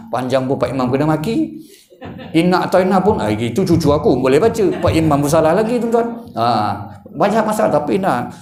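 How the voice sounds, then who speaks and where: A male preacher with a Malaysian Malay accent gives a mosque lecture, keeps calling out to the congregation and acts out the gossip in small voices. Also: fairly high pitch. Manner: animated, addresses the congregation again and again, acts out gossip in little voices. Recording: echoey room.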